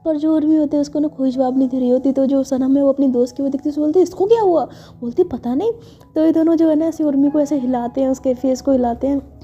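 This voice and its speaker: A woman's voice: sits high, dark tone. A woman narrating a love story in a chatty, casual way, full of fillers. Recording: dull lo-fi with faint music.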